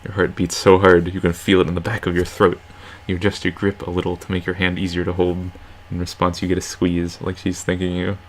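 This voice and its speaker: A man's voice: sits low, completely flat delivery, fairly quick, few pauses. A man co-hosting a game playthrough, reading the story text aloud with dry, wry asides. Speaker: let's play co-host reading the game text. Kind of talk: narrating a visual novel aloud.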